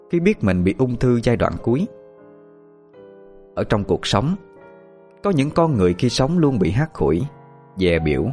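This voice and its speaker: A man narrating a ghost story in an expressive, steady way. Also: on the low side.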